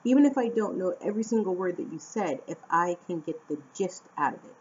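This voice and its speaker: An animated American woman vlogging at home, low-voiced and chatty, jumping into high excited tones now and then. The recording sounds dull and lo-fi, with a faint hum behind her. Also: a little fast. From Phoenix, Arizona, USA. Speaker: vlogger and English teacher. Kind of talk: casual chat to camera. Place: at home indoors. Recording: dull lo-fi camera audio with faint room noise.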